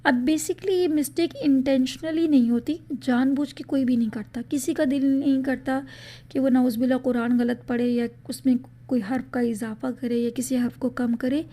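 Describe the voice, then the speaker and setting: High, mellow-voiced woman teaching recitation. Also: fairly even intonation. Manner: explains patiently, reciting example words slowly and drawn out; mixes English words into her talk. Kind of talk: spoken tajweed lesson in a podcast.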